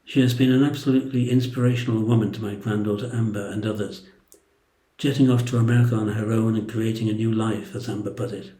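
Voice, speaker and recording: An older man with an English accent reading a prepared eulogy in a tender, solemn and measured way. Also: lowish voice, fairly even intonation, dark tone. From England. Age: older, 60s or above. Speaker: brother giving a eulogy. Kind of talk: prepared eulogy, read aloud. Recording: echoey room.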